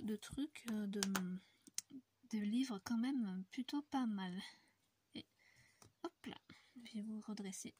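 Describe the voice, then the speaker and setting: Chatty French woman with a high voice. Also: dark tone, no room sound. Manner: chatty, rambling, many fillers and restarts, drops to near-whispers. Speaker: YouTuber colouring on camera. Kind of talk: casual chat while colouring. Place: indoor room in the mountains.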